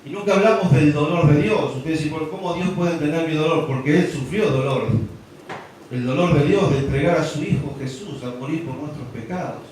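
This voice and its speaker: Man preaching, high voice, rhetorical questions, distant mic, very echoey hall. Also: fairly quick, darkish tone, a little hiss or hum. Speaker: pastor. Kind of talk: sermon.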